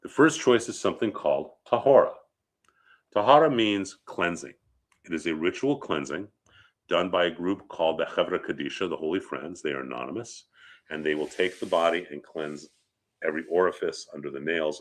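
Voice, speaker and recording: Here the rabbi's bass voice moves at a fairly quick clip as he lectures informally on funeral customs. He's got a head cold and sniffles a bit, and he keeps checking in with his listeners through short questions.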